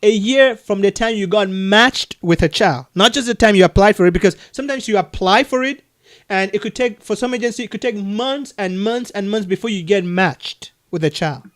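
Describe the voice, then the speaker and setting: A man with a Cameroonian accent, talking earnestly on a video call, with frequent restarts and soft laughs. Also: sits high, normal speed. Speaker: adoption agency leader. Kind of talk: casual video call conversation.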